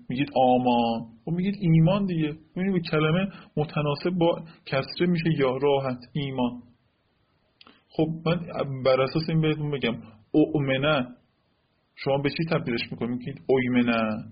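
A man's voice: fairly high pitch, breathy edge, lo-fi sound. A man teaching an Arabic grammar lesson, explaining step by step and often checking with "right?".

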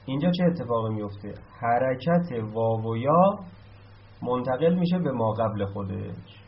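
A man's voice: medium pitch, expressive, vocal fry. A man teaching a grammar lesson, explaining step by step and chanting verb forms in a row. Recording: dull lo-fi sound.

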